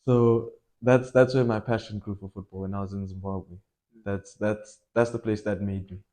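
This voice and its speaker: Young malawian coach guy, lowish voice, chatty and jokey, casual podcast talk. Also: moderate pace. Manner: animated, laughs easily, casual slang. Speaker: football coach and academy owner.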